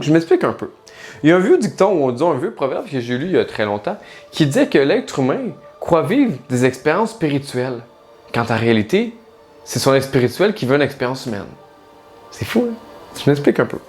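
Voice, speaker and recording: A life coach and spiritual guide with a fairly high, darkish voice gives a casual monologue straight to camera. He addresses the listener directly and asks lots of rhetorical questions.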